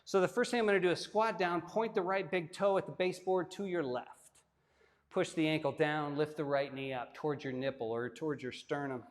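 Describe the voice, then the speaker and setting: Male yoga teacher, slightly raised pitch, laid-back and joking, recorded with a long room echo. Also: a little fast. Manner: relaxed, joking asides while demonstrating. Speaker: yoga instructor. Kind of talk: guided yoga class instruction. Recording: long hall-like reverb.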